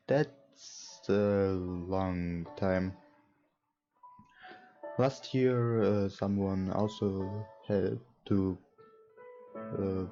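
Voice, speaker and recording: A let's player with a slow, low, warm voice reads visual novel text aloud and adds casual commentary, sounding hesitant and halting as he searches for words. Guitar game music plays behind him, captured on a dull lo-fi mic.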